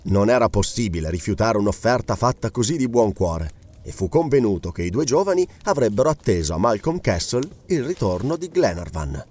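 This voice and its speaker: Expressive male audiobook narrator. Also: fairly low pitch, fairly quick. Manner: expressive, dramatic reading. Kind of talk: audiobook reading.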